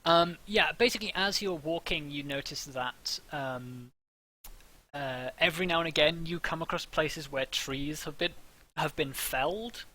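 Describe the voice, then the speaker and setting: A man's voice: on the high side, measured pace, sharp tone, low-quality recording. A man running a tabletop game as game master, narrating with many fillers and restarts.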